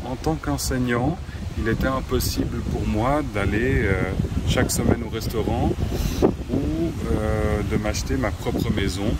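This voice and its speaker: A man, a teacher vlogging outdoors at a zoo in a slow, hesitant way with many pauses. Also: fairly low pitch, heavy background noise. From Switzerland. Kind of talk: casual vlog narration.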